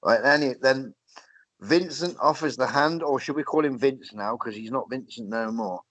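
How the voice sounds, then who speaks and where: A man's voice: mid-range voice, moderate pace, a bit bright, no echo, poor audio. A man, a podcast co-host chatting casually, sarcastic and sweary as he recaps a match. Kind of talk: casual chat reviewing wrestling.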